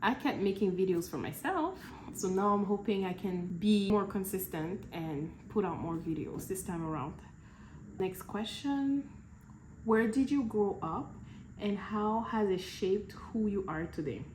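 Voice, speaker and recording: A woman's voice: mid-range voice, a little slow, slight background noise. Chatty woman from Cameroon, echoey room. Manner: relaxed, chatty, laughs between answers. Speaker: vlogger. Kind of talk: casual Q&A vlog.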